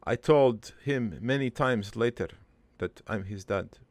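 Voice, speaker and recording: In a halting, improvised monologue, a man plays a crude but wistful dead old father from a cartoon, rambling through his life story. His voice is gravelly, creaky and on the low side, with no room sound.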